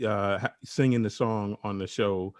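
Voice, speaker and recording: A man's voice: on the low side, steady tone, unhurried, no echo, clean studio sound. A man co-hosting a podcast, speaking reflectively and hesitating with fillers. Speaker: podcast co-host. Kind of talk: casual interview chat.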